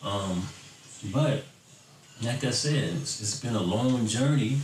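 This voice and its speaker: A middle-aged American man, an electronic bass music artist from Florida and later Michigan, chats casually and earnestly with his fans. His medium-pitched voice has lively intonation, and he takes it slowly, rambling informally and often tagging on "you know." The recording is roomy, with a distant mic and faint background noise.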